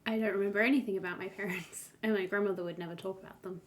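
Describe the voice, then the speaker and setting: A woman voicing a grieving young man who speaks hesitantly and quietly. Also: medium pitch, fairly even intonation, racing, natural voice. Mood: sad. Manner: hesitant, subdued.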